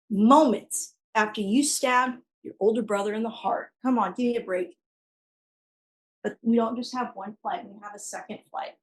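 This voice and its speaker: A woman's voice: a little high, poor audio. A woman prosecutor giving a courtroom closing argument, emphatic and pressing her points through repetition. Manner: emphatic, repeating key phrases for force.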